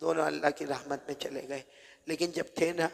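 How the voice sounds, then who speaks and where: Gravelly high-voiced preacher guy, storytelling sermon, soft then shouting, long hall echo. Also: steady tone, normal speed. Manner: swings from soft murmurs to shouted peaks; addresses listeners as "my dear ones". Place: village gathering. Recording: echoey hall reverb.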